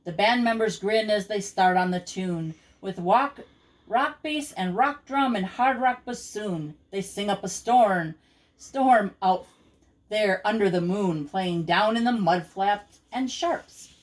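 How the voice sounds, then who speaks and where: An older woman, sounding like a grandmother at storytime, reads rhyming children's verse with measured rhythm in a medium-pitched voice. The recording quality is low.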